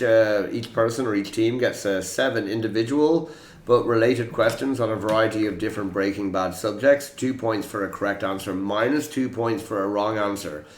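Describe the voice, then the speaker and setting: A man from Ireland, speaking with an Irish accent in a lowish voice, hosts a quiz podcast from a room in Prague. He is chatty and jokey with his players, firing off quick quips, and the sound is reverberant.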